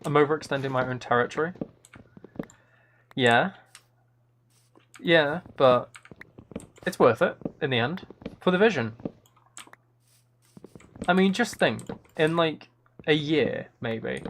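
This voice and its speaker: A man with a fairly high, slightly bright voice and lively intonation talks slowly, pausing often, as he chats casually on a gameplay stream. Thinking out loud, he rambles enthusiastically through his ideas. Keyboard clicking is clearly heard behind him.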